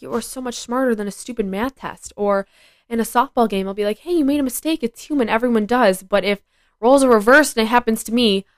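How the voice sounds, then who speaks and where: A woman's voice: medium pitch, smooth, dry recording. A teenage girl hosting her own podcast, talking casually and earnestly with lots of fillers. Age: teens. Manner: earnest, rambling, many fillers. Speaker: podcast host. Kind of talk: casual personal chat.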